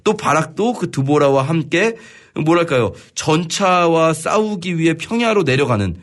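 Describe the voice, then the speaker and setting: A man teaching a Bible study on the radio, reading verses and explaining them in a conversational way, often pausing to search for words. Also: fairly high pitch, lively intonation. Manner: reads scripture aloud, then paraphrases it conversationally.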